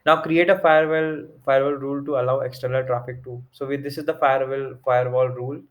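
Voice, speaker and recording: A young man with a North Indian accent giving an informal tech tutorial, haltingly thinking aloud as he works through the steps. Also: mid-range voice, fairly even intonation, muffled recording. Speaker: tutorial presenter. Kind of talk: informal screen-recorded tech walkthrough.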